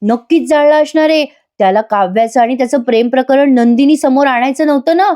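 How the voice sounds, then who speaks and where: A woman voicing a loud, bossy middle-aged aunt who speaks bluntly and half-shouts. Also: high voice, brisk, voice pushed up, close to an everyday voice.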